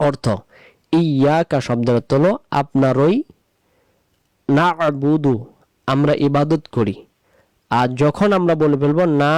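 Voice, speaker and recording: A man teaching pronunciation and meaning of a recitation, drawing out sounds in slow examples between explanations. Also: fairly high pitch, darkish tone, no room sound.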